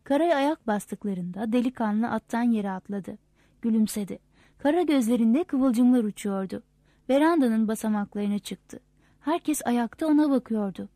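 A woman narrating a novel aloud in a steady, measured storytelling manner. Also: a little high, dry recording. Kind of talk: audiobook narration.

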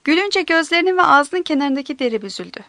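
A woman narrates a storybook in an even, measured reading style. Her voice sits high. The recording is dry and close, with no room sound. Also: no room sound. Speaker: audiobook narrator. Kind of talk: scripted narration.

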